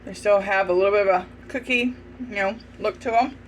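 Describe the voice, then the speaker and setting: A man's voice: sits high, brisk, slight background noise. A man chatting casually to his viewers while he tastes his baking, sometimes talking with his mouth full. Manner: relaxed, talks while chewing. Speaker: home cooking vlogger.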